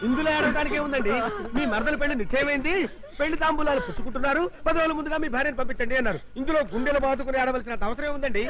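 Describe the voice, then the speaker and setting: An actor playing a nosy neighbor in a film comedy, speaking in a scolding, exasperated way. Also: male voice, extremely high pitch, racing, lo-fi sound, over music.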